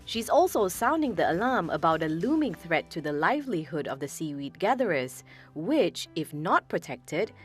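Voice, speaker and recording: A woman reporter delivers polished scripted narration. Her voice sits low with a lively, animated pitch, and faint music runs beneath it. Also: moderate pace.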